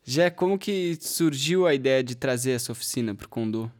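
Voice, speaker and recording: A man's voice: medium pitch, lively intonation, normal speed. A man co-hosting a podcast, narrating the background of the episode and asking the guest questions in a plain, scripted way. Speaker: podcast co-host. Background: faint music.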